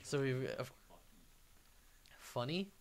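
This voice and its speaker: A man's voice: mid-range voice, expressive, slow pace, a little hiss or hum. A man casually commenting on a live strategy game match, rambling a little and chuckling at himself. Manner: rambling, self-deprecating, chuckles often. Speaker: game caster.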